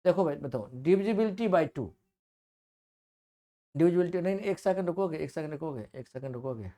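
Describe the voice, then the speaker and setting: A man's voice: fairly high pitch, expressive, moderate pace, warm tone. A man teaching a classroom math lecture as a coaching teacher, repeating himself and coaxing the class, often asking questions and answering them himself. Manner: repetitive, coaxing, asks and answers own questions.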